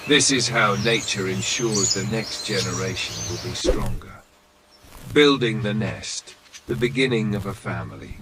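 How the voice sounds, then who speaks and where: A man reading scripted nature documentary narration in a solemn, dramatic manner, with short measured phrases and weighted pauses. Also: fairly low pitch, very noisy. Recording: loud nature ambience of birds and insects.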